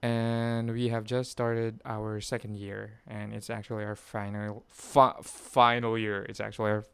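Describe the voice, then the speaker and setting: A Filipino vlogger in his twenties rambles to camera with a personal update, hesitating, pausing often, using fillers, and correcting himself. His slightly low voice is level, gravelly, and very clean. The recording is close and dry, with no room sound.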